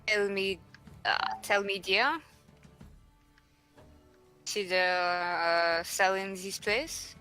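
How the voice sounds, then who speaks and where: A woman's voice: medium pitch, steady tone, drawn-out words, pauses often, pushed and bright, faint music behind. A woman voicing a bold adventurer with a metal arm, asking probing questions in a casual way.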